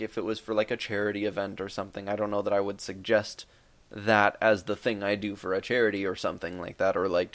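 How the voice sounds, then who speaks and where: Speaking with a fairly low pitch and noticeable vocal fry, this twenty-something gaming YouTuber rambles through viewer questions. He jokes around and leans heavily on fillers.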